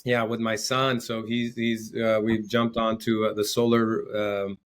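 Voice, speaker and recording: A fairly low-pitched man with a level tone and measured pace talks as a podcast guest. The entrepreneur and coach explains conversationally, often repeating his words.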